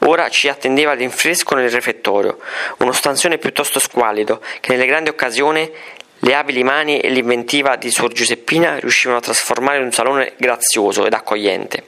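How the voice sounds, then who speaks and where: A man reading a story aloud with expressive, measured narration. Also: mid-range voice. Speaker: audiobook narrator.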